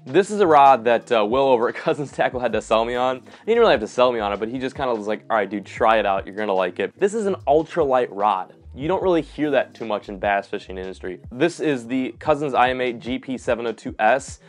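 A man's voice: mid-range voice, lively intonation, quick pace, hardly any pauses. A young man hosting his own fishing channel, talking casually and enthusiastically through his rods and reels in a home studio, with slangy asides. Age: young adult. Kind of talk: casual gear review talk. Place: indoor home studio room.

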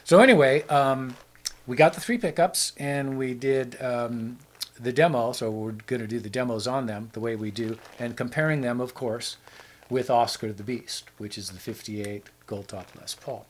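A man's voice: medium pitch, normal speed, low-quality recording. Easygoing man co-hosting a chat show. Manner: rambling, easygoing, joking. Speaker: show co-host. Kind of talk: casual chat.

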